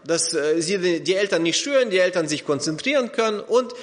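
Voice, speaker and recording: A man with a high voice preaches a sermon in a church hall. He stresses and repeats key words and acts out the doubts of his listeners. A long reverb trails after his words. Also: a little fast.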